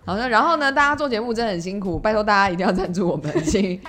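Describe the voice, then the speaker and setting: A woman with a Taiwanese Mandarin accent hosting a podcast, chatting casually in an expressive, exclaiming way. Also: medium pitch, rapid-fire. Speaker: podcast host. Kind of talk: casual chat. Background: music.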